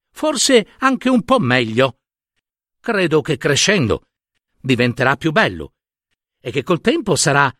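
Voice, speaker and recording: A man voicing a protective, proud mother duck in a storybook reading, with a high sing-song quacking manner. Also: a bit bright, no echo, studio quality, exaggerated voice.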